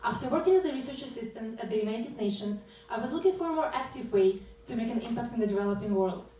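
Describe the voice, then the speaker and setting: Woman, project presenter, measured, earnest, fairly high voice, distant, echoey hall. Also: lively intonation, mellow. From Russia. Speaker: presenting developer. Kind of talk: scripted demo presentation. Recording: echoey hall mic from a distance, faint hum.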